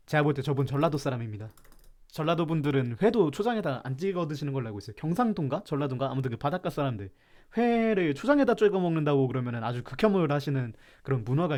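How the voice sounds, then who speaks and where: Hosting a live stream, a Chungcheong man reacts to chat and delivers a playful, mock-serious rant about food. His mid-range voice is a little mellow.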